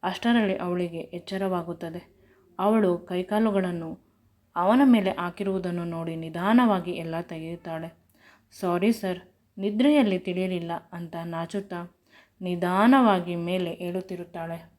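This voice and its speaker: Woman reading a serial love story, steady and unhurried, kinda low voice.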